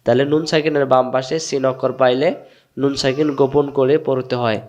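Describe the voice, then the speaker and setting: A man's voice: mid-range voice, level tone, a little mellow, highs cut off. Patient man teaching Quran pronunciation. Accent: Bangladeshi Bengali. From Bangladesh. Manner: repeats sounds slowly, asks and answers his own questions. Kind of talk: patient step-by-step lesson.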